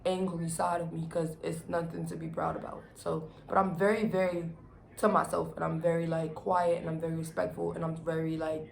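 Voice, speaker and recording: A young adult woman vlogger telling a personal story in casual, animated slang, acting out what people said. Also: low-pitched, a little fast, creaky. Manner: animated storytelling, acts out quotes, heavy slang and swearing. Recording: roomy echo with faint background noise.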